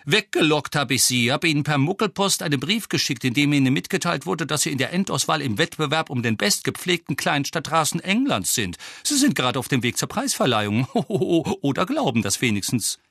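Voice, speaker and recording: Man playing a high bubbly young witch, bright, breathy. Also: sing-song, fairly quick, hardly any pauses, dry recording, studio quality, full character voice. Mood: boastful. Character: cheerful brash young witch.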